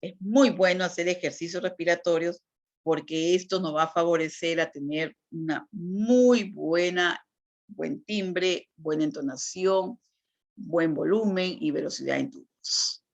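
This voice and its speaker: A woman's voice: lowish voice, measured pace, vocal fry. A woman teacher giving a lecture on communication, explaining patiently and checking in with frequent tag questions. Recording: dull lo-fi recording.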